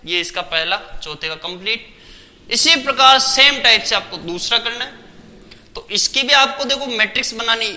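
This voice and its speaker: A man's voice: very high-pitched, pushed and bright, long reverb tail. A man teaching a maths lesson step by step, asking questions and answering them himself.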